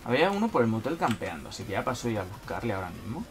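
Excitable gamer man, lively pitch. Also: very fast, over music. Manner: excitable, talks to himself, frequent exclamations. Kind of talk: live gameplay commentary.

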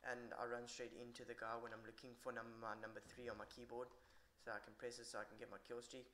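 A man's voice: mid-range voice, monotone, quick pace, sharp tone, slight background noise. A tired man giving rambling, irritable live commentary on his own match and swearing a lot. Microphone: poor computer mic.

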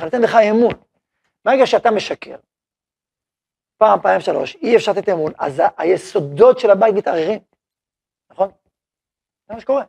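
A man's voice: high voice, vocal fry, darkish tone, slightly rough, dry recording. A man teaching a Torah lesson as a rabbi, speaking conversationally and putting questions to his listeners. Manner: conversational, asks the audience questions.

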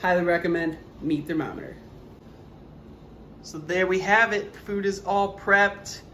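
A man's voice: sits high, measured pace, pushed and bright, a little hiss or hum. A young man vlogging at home, chatting upbeat and directly to his viewers. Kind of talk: casual chat to camera. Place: home, indoors, living room and kitchen.

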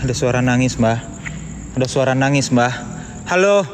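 A man with streaming a ghost hunt, nervously calling out into the dark on a handheld phone. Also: mid-range voice, moderate pace. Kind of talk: live ghost-hunting stream. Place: empty haunted building indoors. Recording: reverberant hall with faint noise.

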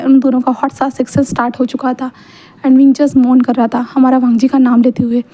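A woman with a high, mellow voice narrates a fan fiction love story. She tells it chattily, mixing languages and filling it with fillers.

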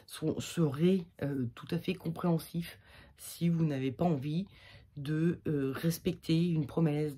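A French tarot reader gives a casual weekly reading in a low, warm, slightly rough voice, her throat a bit irritated. She rambles chattily with lots of fillers, jokes around, and laughs at her own slips.

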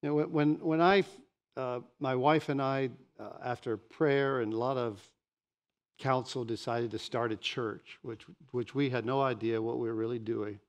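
Older guy pastor in his 60s giving a sermon, animated, keeps repeating words mid sentence. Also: medium pitch, moderate pace. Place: church stage behind a pulpit.

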